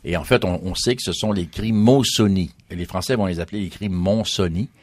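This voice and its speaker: A man with a very deep, low voice, talking as a history guest on a radio interview. He explains patiently and lists names one after another. The sound is dry and close, with no room around it. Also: a little fast, no echo.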